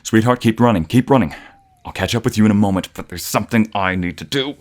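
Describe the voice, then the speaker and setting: Speaking quickly in his natural voice, this man plays a protective, devoted vampire lover in an intimate romantic roleplay aimed straight at the listener. He sounds alarmed and urgent, his low, breathy, husky tone frequently falling to a whisper. His phrasing is elaborate and archaic, captured up close on a binaural microphone.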